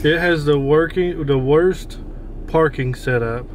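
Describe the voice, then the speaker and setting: A man's voice: fairly high pitch, slow pace, recorded from a distance, slight background noise, low-quality recording. A husband and father chatting casually in a family vlog with short, dry remarks. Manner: dry, laconic. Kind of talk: casual chat. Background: background music.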